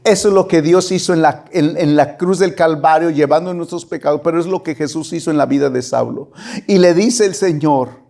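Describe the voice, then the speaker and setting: A man preaching a sermon, emphatic and animated, dropping at times to a whisper. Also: a little high, brisk, gravelly. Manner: emphatic, rising and falling delivery with whispered asides. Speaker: pastor.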